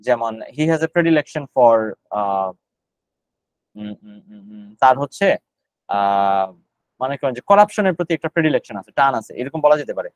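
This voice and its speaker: A man's voice: medium pitch, expressive, normal speed, smooth, dry recording, rough recording. A man teaching GRE vocabulary in a live online class, explaining each word in Bengali with English terms mixed in and repeating the words as he goes.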